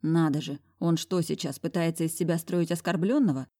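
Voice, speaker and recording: A woman reading a first-person novel aloud, expressive with sharp retorts. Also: sits low, a little fast. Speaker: audiobook narrator.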